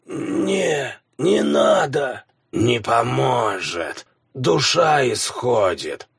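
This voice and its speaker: A man voicing a dying old male warlock, a village elder who speaks in slow, wheezing, strained phrases. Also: medium pitch, very animated, gravelly, slightly rough, no room sound, heavily acted. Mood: weak, dying. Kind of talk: audiobook character voice.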